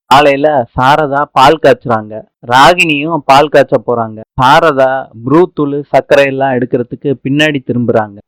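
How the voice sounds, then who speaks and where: A man's voice: medium pitch, fairly bright tone, dry recording, poor audio. A man narrating a television serial recap plainly, telling what each person does. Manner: plain storytelling.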